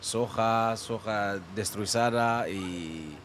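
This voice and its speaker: A man's voice: lowish voice, drawn-out words, fairly bright tone, slight background noise. A man, a cook, answering interview questions in a hesitant way, searching for his words. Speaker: cook, guest. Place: Barcelona.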